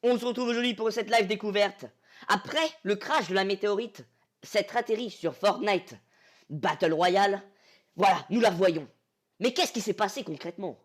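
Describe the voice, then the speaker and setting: A man's voice: high voice, normal speed. A young man hosting a casual gaming live stream, telling the story in a hyped, theatrical way to his chat.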